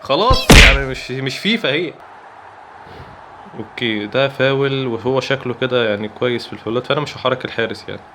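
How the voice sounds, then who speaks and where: A young man with an Egyptian Arabic accent giving excitable live commentary over football gameplay, breaking into rapid repeated cries. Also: medium pitch, background noise. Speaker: gaming YouTuber.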